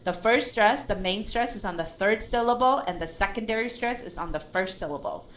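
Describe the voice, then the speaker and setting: A woman's voice: medium pitch, brisk, a bit bright. A woman teaching an online English lesson, patiently correcting a student's pronunciation. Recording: slightly dull lo-fi online audio.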